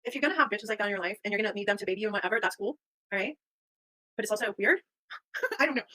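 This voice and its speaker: A woman's voice: mid-range voice, expressive, very fast, pushed and bright, dry recording, rough recording. A woman livestreaming a casual monologue in Valley girl talk, peppered with "like" and swearing. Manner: Valley girl talk, filler "like" and slangy drawl. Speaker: livestream host.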